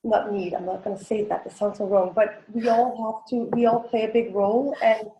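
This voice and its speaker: Her voice is warm and medium-pitched with a steady tone and a brisk pace. She is a Danish woman in her forties, a native speaker with an accent, appearing as a casual interview guest who owns a business and coaches teens, and her phrasing is hesitant and self-correcting. The audio sounds roomy and echoey, with highs cut off and a little hiss or hum.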